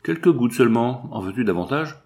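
A man's voice: medium pitch, expressive, fairly quick, mellow, natural voice. A man voicing a sly, scheming male cousin who feigns concern. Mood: falsely kind. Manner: sly, falsely solicitous.

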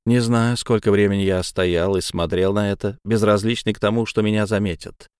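A man narrating a first-person novel as an audiobook, in a measured, dramatic reading. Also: lowish voice, fairly even intonation, a little mellow, smooth, dry recording, clean studio sound.

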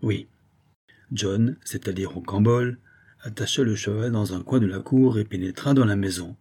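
A man narrating a novel as a measured, steady audiobook reading. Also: on the low side.

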